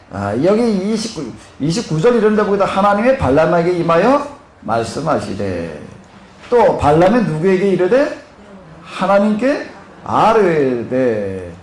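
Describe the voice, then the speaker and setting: Lecturing at a Bible seminar with a Korean Jeolla accent, a male pastor rambles, uses many fillers, and puts questions to his listeners. His voice is high-pitched and darkish with wildly swooping pitch, slow and often pausing, recorded in an echoey room with faint noise.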